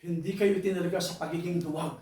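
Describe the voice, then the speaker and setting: A man preaches a sermon in a high voice, emphatic, tossing "right?" at the congregation and breaking into high shouts. He sounds distant from the mic, and the church hall echoes around him. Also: steady tone, fast talker.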